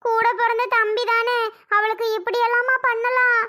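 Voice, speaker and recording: A woman putting on a grieving old mother for a cartoon, her voice very high and bright as she wails and complains. She sounds tearful and wronged throughout. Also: a little fast. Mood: tearful, aggrieved. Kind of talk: animated cartoon voice acting.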